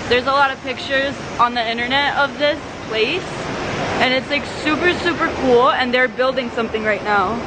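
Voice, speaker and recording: A woman's voice: high voice, normal speed. A young woman vlogging in a casual, chatty way with lots of fillers, walking around a mall. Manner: chatty, giggly, filler-heavy. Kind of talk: casual vlog chat. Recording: loud background noise.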